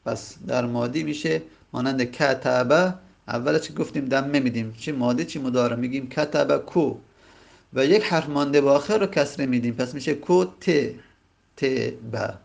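A man's voice: mid-range voice, creaky. A man teaching a grammar lesson with a Persian accent, explaining step by step and repeating each point in other words. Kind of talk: grammar lecture.

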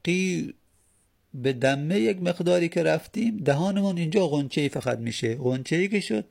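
A man teaching Arabic grammar in a patient way, repeating each word and sounding out the examples slowly. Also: a little high, lively intonation, vocal fry, a little mellow. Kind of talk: explaining Arabic grammar in Persian.

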